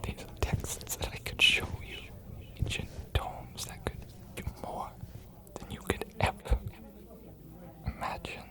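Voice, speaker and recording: A woman gives a lightly acted performance as an old, bookish vampire archivist in an ASMR fantasy scene. Hushed and unhurried, with meaningful pauses, she is cryptic and inviting, and the tone feels welcoming and solemn.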